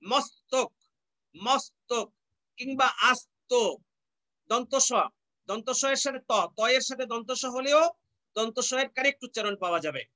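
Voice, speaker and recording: A man from Bangladesh teaching an online class, patiently explaining and repeating example words slowly, often asking rhetorical questions. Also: extremely high pitch, expressive, bright, forceful tone.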